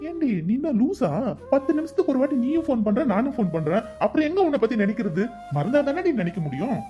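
A woman's voice: low voice, expressive, fairly quick, mellow, dull audio. A woman voicing Kathir, a playful, devoted young man in a cartoon, coaxing, teasing and protective. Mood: exasperated. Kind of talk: cartoon voice acting. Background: background music.

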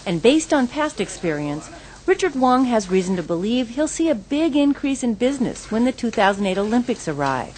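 A woman TV reporter narrating a news feature in a bright, scripted way and chatting with diners on camera. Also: fairly high pitch, big pitch swings, a little fast, slight background noise, low-quality recording.

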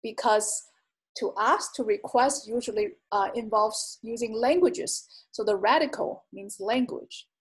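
Slow, patient woman teaching words. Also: fairly high pitch. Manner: patient, repeats each word twice with careful tones. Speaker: Chinese language teacher. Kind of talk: slow explanatory lesson narration.

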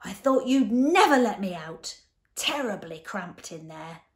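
A woman voicing a huge male smog creature who bellows his words slowly and swings from laughter to tears in a storybook reading. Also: low voice, lively intonation, a bit bright, exaggerated voice. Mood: booming. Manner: bellowing, slow and drawn out. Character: booming male smog creature, loud and emotional.

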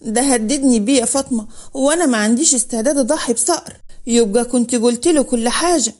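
A woman voicing an anxious young woman with an Upper Egyptian accent, speaking in a slightly higher, pleading tone. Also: fast, darkish tone, lightly acted. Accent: Upper Egyptian Arabic.

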